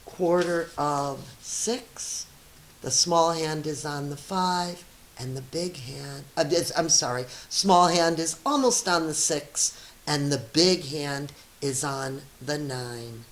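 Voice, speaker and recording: A teacher reads a children's story aloud slowly, in a low-sitting voice, expressive and encouraging, adding teaching asides and questions for her young listeners.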